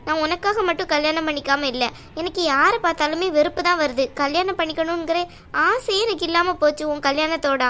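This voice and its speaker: A headstrong working young woman in a cartoon, voiced by a woman, speaks high and bright. She argues bluntly and will not give in. Her tone stays firm and quick to push back. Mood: arguing. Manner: argumentative, blunt. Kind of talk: cartoon dialogue.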